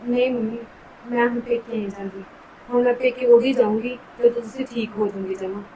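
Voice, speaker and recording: A woman's voice: fairly high pitch, steady tone, fast talker, warm tone, highs cut off, a little hiss or hum, lightly acted. A young woman playing a remorseful daughter-in-law, speaking earnestly and apologetically. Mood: apologetic. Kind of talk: village family short-film acting.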